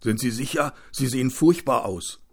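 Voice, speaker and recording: A man voicing a helpful shop cashier in an audiobook, brisk and concerned. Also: mid-range voice, creaky, breathy edge. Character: helpful middle-aged male shop cashier.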